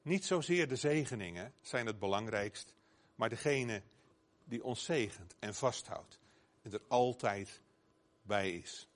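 A man's voice: fairly low pitch, animated, unhurried. A man preaching a sermon earnestly, growing emphatic when he quotes scripture.

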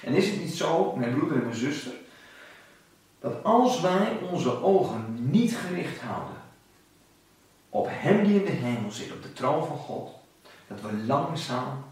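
A man preaching a sermon, swinging between loud high cries and quiet low passages. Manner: dramatic rises and drops in pitch and volume. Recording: very echoey, from far off the mic.

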